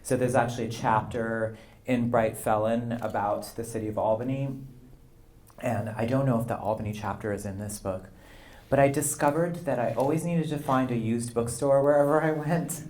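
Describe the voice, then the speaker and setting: A man in his fifties, a poet being interviewed, talking in a relaxed, rambling way with frequent "you know" and light laughs. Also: mid-range voice, moderate pace. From Canada and the U.S. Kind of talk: conversational interview. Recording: roomy live event sound.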